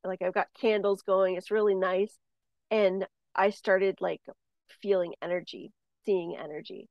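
Relaying spirit messages and a personal story, this podcast co-host and medium rambles casually with plenty of fillers and restarts, getting lively when storytelling. She speaks at medium pitch and an unhurried pace, and the audio has no echo, with the highs cut off.

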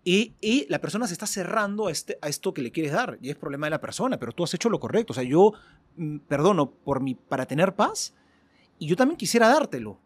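A man's voice: a little high, very animated, fast, breathy edge. A man, a priest, talking in a casual chat, acting out little dialogues in other voices and laughing often.

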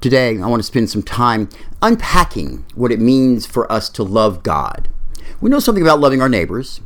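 Male pastor, sermon delivery, expressive storyteller with a wide pitch range. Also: normal speed. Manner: lively storytelling, acting out quoted voices.

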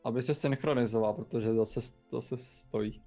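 A man's voice: mid-range voice, fairly even intonation, warm tone, soft background music. Laid-back man in an online game. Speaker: player. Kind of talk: casual chat during an online game.

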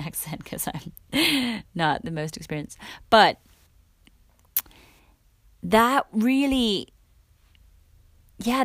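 A woman's voice: lowish voice, a bit bright, no room sound, studio quality. Candid woman telling a personal story. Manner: candid, emotional, reflective. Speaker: podcast host and coach.

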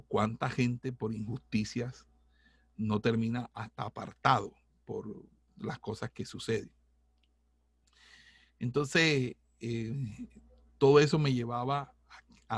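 A middle-aged man, a pastor, giving a heartfelt personal testimony in a halting way, with many restarts. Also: medium pitch, gravelly, husky, no room sound, clean studio sound.

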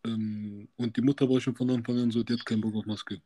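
A man's voice: mid-range voice, level tone, quick pace, warm tone. A young man in casual chat, animatedly retelling a confrontation at work in street slang and acting out what people said. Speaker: storyteller recounting a work incident.

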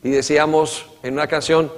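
A man with a high voice preaches a sermon in a church hall, and the sound rings with long reverb. He acts out the quoted dialogue with emphasis and has the congregation repeat lines after him. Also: flat delivery, fairly quick. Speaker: pastor.

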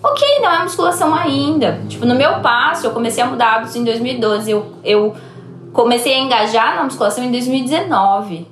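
A Brazilian woman with a fairly high voice, recorded in an echoey space. She explains things conversationally and reflectively, working through examples as a guest on a talk podcast. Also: animated, brisk. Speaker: podcast guest giving advice. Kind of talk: casual explanatory chat. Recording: roomy, echoey sound.

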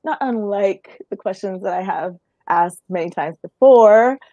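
Woman host, theatrical, enthusiastic, dry voice, mid pitch. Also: measured pace, mellow, dry recording, muffled recording. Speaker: podcast host. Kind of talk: interview introduction and chat.

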